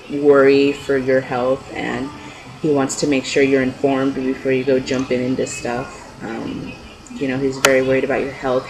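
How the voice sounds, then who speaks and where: In a personal video blog, a young adult Californian chats to camera casually and without a script, rambling and hesitating as he goes. The sound is noisy, low-quality amateur webcam audio.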